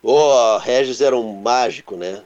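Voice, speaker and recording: A man, co-hosting a casual show and telling stories in an animated way with sound-effect words. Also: mid-range voice, measured pace, dull audio. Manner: animated, onomatopoeic storytelling. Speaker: co-host. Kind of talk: casual storytelling chat.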